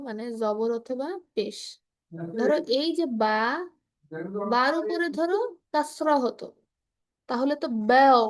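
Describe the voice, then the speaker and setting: A woman teaching a children's Quran reading class, explaining slowly and modelling each sound. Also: high voice. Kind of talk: online kids class lesson.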